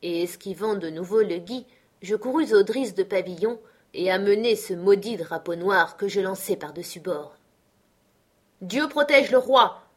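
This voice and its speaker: A woman narrates an adventure story in a calm, measured way. Her voice sits at a middling pitch for a woman. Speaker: audiobook narrator. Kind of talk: scripted narration.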